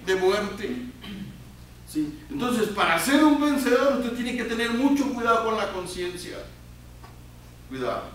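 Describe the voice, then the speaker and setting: A man preaches in a church sanctuary, his fairly high voice ringing through a very reverberant hall and picked up from a distance. He keeps tossing questions to the congregation and swings from loud emphatic peaks to quiet low asides. A faint hiss sits under the room sound. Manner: call-and-response questions to the congregation. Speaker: pastor. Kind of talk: sermon.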